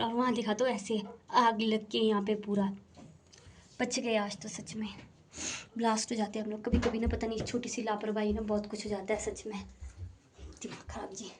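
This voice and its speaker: A woman's voice: on the high side, steady tone, brisk, noisy background. A young woman with a head cold, chatting casually to viewers as a family vlogger at home. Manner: chatty, talks straight to viewers. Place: home, indoors.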